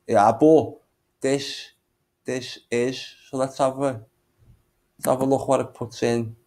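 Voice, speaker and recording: Speaking slowly in a steady, slightly mellow mid-range voice, a man narrates his own video while sharing his screen. He wanders through casual remarks, thinks aloud, and mutters bits of filler melody.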